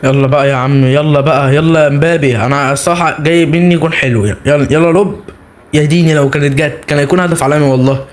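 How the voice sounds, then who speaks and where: A young man with an Egyptian Arabic accent hosts a gaming channel, giving excited live commentary while he plays and cheering his players on. He speaks very fast at a fairly high pitch.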